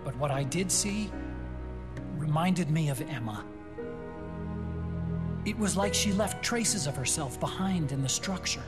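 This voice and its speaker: An earnest, thoughtful tech expert in a video game. His voice is fairly high for a man and explanatory, with loud music behind it. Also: expressive, unhurried, pauses often. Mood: reflective, explanatory. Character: earnest, thoughtful male technical expert advising soldiers. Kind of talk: scripted video game voice acting.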